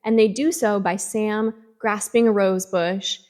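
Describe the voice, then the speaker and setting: Animated woman reviewing a spooky book. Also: medium pitch, measured pace. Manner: animated storytelling, tempo swings, frequent "like". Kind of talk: casual book review vlog.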